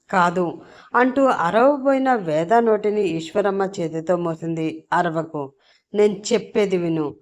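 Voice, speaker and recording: A woman narrating a dramatic story in a steady, storytelling manner. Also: mid-range voice.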